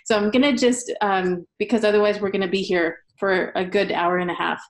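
Woman in her thirties, mid-pitched voice, casual panel moderator, informal phrasing, video call. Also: steady tone, fairly quick. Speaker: webinar moderator. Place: indoor room on a video call.

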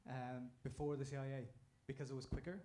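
A man's voice: medium pitch, level tone, fast, warm tone. A man in the audience asking a panel a question, hesitant with many fillers. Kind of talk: question from the floor. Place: conference hall.

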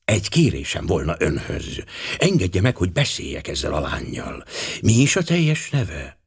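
A man's voice: sits low, wildly swooping pitch, creaky, slightly rough, voice pushed down, heavily acted. A man voicing a fussy, vain older male Belgian detective who talks pompously and drops French words. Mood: brisk.

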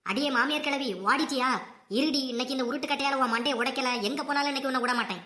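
Woman doing a scrappy young daughter-in-law, kanyakumari tamil, bright sharp voice, yells threats. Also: high voice, fairly even intonation. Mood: furious. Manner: fast, shouting threats, combative. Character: hot-tempered young daughter-in-law, fierce and defiant. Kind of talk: cartoon comedy voice acting.

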